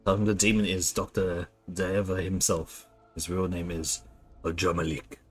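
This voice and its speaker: A male gamer with a deep, rough-edged voice, commenting casually as he plays. Faint game music sits behind him. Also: level tone, a little slow, a little mellow. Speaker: gamer, let's player. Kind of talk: casual game commentary, reading choices aloud.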